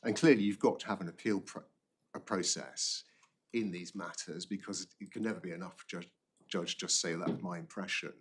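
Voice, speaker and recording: Deep, husky barrister making halting submissions. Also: male voice, steady tone. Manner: halting, repeats words and phrases. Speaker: barrister arguing an appeal. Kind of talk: formal courtroom legal argument.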